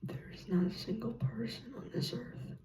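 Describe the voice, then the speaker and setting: A person gives an encouraging, reassuring ASMR pep talk in a soft, breathy whisper, speaking gently in short, paused phrases. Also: mid-range voice, recorded from a distance, a little hiss or hum. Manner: slow, gentle, pausing between short phrases. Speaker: ASMR content creator.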